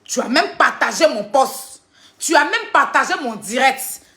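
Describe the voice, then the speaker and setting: A woman rants on a livestream, defending herself against critics. Her voice is high and bright, and her pitch swings widely as she retells the quarrel. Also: lively intonation, unhurried. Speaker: social media personality. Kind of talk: livestream rant addressing critics.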